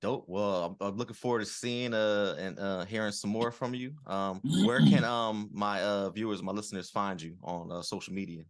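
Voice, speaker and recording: A man's voice: on the low side, steady tone, normal speed, hardly any pauses, no room sound, studio quality. A young man in his twenties hosting a podcast, asking questions in a rambling casual way. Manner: rambling, many fillers and restarts. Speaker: podcast host. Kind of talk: casual interview.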